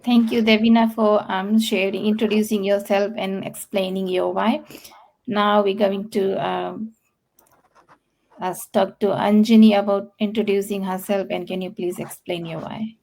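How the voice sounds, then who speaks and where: A woman's voice: medium pitch, flat delivery, unhurried, vocal fry, a little mellow. A woman hosting and handing over between speakers. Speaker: host.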